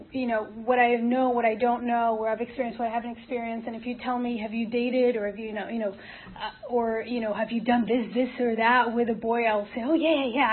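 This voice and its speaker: Sharing her personal story as a speaker at a support group, a woman from Morocco speaks hesitantly, stopping and restarting again and again. Her voice is on the high side, heard through tinny, phone-like audio with noticeable noise and clicks.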